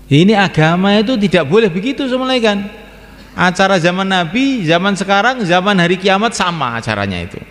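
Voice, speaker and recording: A man's voice: high-pitched, sing-song, fairly quick, fairly bright tone. A man preaching an Islamic sermon, repeating phrases and breaking into chanted lines. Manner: repetitive, sing-song chanting of call to prayer. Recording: reverberant hall.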